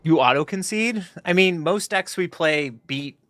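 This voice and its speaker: A man's voice: fairly high pitch, animated, unhurried, a bit bright, no echo, clean studio sound. A young man hosting a gaming stream, chatting casually with profane, joking banter.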